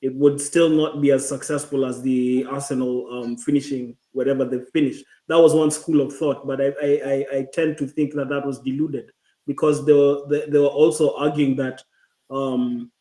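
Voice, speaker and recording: A man co-hosting a casual football chat, talking in a hesitant, considered way with many pauses and restarts. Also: medium pitch, flat delivery, mellow, roomy sound.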